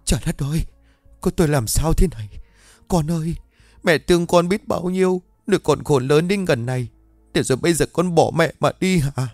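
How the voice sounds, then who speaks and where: A man voicing an older village woman who wails for her dead son, in a loud, high-pitched lament. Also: a little fast, dry recording, soft background music, natural voice. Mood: wailing grief. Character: elderly woman, a grieving mother, wailing.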